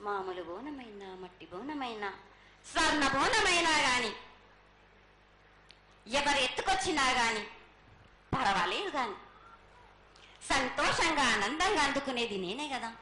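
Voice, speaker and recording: High, piercing woman in prophetic trance. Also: expressive, measured pace, pauses often, bright, forceful tone. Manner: incantatory, repetitive, declaring blessings in first person as a goddess. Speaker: ritual oracle speaking as the goddess Mahankali. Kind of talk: prophetic trance oracle pronouncement at a temple festival. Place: live temple festival ceremony. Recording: echoey live festival sound, faint noise.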